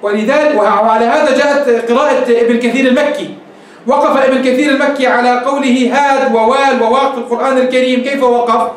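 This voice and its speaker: A man with a Levantine Arabic accent teaches a grammar class, explaining patiently and checking that his students follow. His voice sits very high for a man, and he talks quickly. The recording is strongly echoey, with the mic well away from him. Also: fairly even intonation. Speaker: Islamic scholar teaching grammar. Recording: echoey room, mic at a distance.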